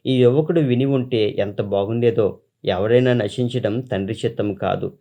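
A man's voice: mid-range voice, normal speed, dark tone. A pastor, a man, reading a testimony aloud in a solemn, earnest way, with preaching asides to listeners.

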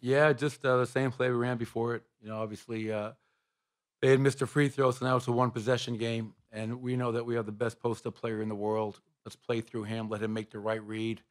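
Seated at a table mic in a press room with a sponsor backdrop, a middle-aged head basketball coach responds to reporters after the game. He speaks at a medium pitch in a flat, measured way, dropping in frequent fillers.

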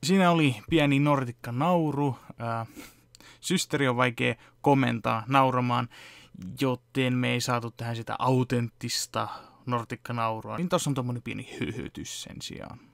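A young man with a medium-pitched, vocal-fry voice sits at his home computer desk, close to the camera, casually explaining how he does his fan dubs. He goes step by step in a relaxed way with fillers, in a dry recording, sharing a behind-the-scenes look as a vlogger and fan dubber.

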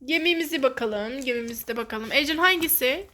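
A woman with a distinctly high voice presents a children's activity. She talks casually, as to a small child, encouraging and prompting with simple questions. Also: animated, a little fast, sharp tone, slight background noise. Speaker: host of a children's activity video.

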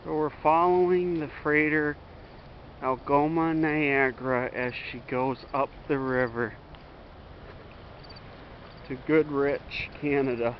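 Slow-talking man narrating by a river. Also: a little high, fairly even intonation, lo-fi sound, slight background noise. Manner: slow, friendly play-by-play of a passing ship. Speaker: ship-watching vlogger. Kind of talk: casual narration while filming. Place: outdoors on a riverbank.

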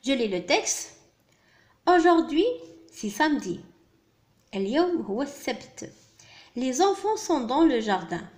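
A woman gives a primary school French lesson in a fairly high voice. She reads slowly, pronounces each sound with care and spells words out letter by letter. Between lines she rushes through quick translations for the children. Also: sing-song, a little mellow. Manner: slow, clearly spelled-out teaching, switching to quick translations. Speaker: French teacher.

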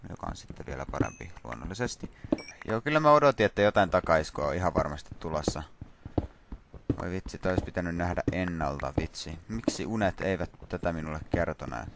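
A man's voice: deep voice, lively intonation, creaky, background noise. A man casually commenting on his own gameplay, rambling and self-mocking with lots of fillers. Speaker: gaming channel host. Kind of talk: casual Minecraft let's play commentary.

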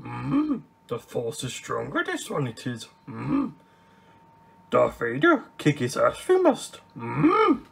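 A man's voice: medium pitch, wildly swooping pitch, takes it slowly, vocal fry, fairly bright tone, slightly rough, full character voice. A man switching impression voices, playing a small, ancient, wise alien master with inverted phrasing. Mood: musing.

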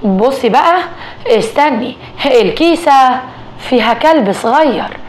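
A woman voicing a calm, practical Egyptian husband in a told story, speaking steadily in a slightly lowered voice. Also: measured pace, slight background noise. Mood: steady. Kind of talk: storytelling dialogue.

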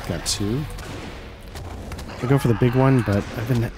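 A man's voice: medium pitch, a little slow, noisy background. A man hosting a let's play, talking casually over a video game in an offhand, rambling way. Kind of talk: casual gameplay commentary, reading game text aloud. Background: game music.

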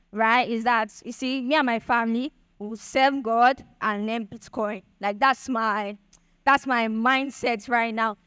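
A woman's voice: fairly high pitch, fairly bright tone, clear, resonant tone, no room sound. A young woman with a Nigerian accent giving a chatty motivational talk to an audience, often checking "do you understand?". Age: young adult. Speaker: speaker at a Bitcoin event.

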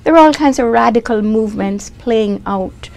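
A woman's voice: on the high side, normal speed, creaky, darkish tone. A woman in a documentary interview explaining history in a thoughtful, conversational way. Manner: thoughtful, explanatory, with fillers and restarts.

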